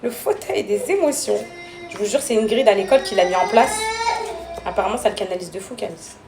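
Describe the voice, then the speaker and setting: A woman's voice: medium pitch, animated, fairly quick, music in the background. A woman who is a mother filming a casual vlog at home. She chats to camera and coos at her children. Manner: chatty, switches between cooing at her kids and confiding in viewers. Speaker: family vlogger and mother. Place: indoors at home. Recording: echoey room with loud background noise.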